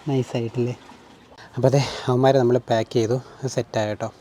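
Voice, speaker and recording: A man vlogging outdoors on a hot rooftop terrace, friendly and asking quick questions. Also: medium pitch, dark tone, a little hiss or hum. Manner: friendly, asks quick questions, calls him bro. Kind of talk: casual vlog and chat with a fish seller.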